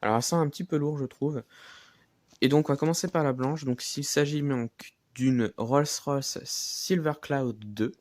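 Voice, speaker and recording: A man chats casually through a hobby vlog, halting often and restarting his sentences. His voice is mellow and mid-pitched. It sounds close to the mic and dry, with no room around it. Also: no room sound. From France. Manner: hesitant, many fillers and restarts. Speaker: model car collector.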